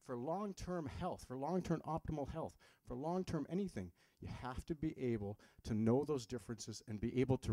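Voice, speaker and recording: Giving a live health seminar, a practitioner who works with patients keeps things conversational, asking the audience questions and slipping in jokes. He has a fairly high, mellow voice, recorded without echo.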